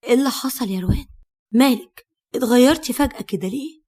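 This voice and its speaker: A woman's voice: on the high side, fast talker, a little mellow, lightly acted. A woman with an Egyptian accent voicing a stubborn, defensive young husband who talks in an insistent, dismissive way. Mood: puzzled.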